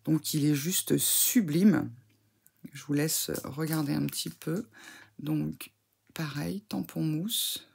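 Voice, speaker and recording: A woman's voice: low voice, takes it slowly, gravelly, darkish tone, a little hiss or hum. A woman with a cold, chatting casually to camera as she unboxes and gushes over scrapbooking supplies. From France. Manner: enthusiastic, chatty, many fillers and gushing praise. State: sick, voice affected. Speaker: scrapbooking crafter reviewing a subscription box.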